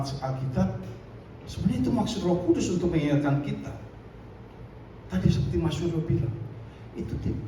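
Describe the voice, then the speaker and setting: Man preaching, chatty and animated, slightly high voice, echoey and distant. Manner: lively, conversational, with frequent asides. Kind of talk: sermon. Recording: echoey room, distant mic, faint noise.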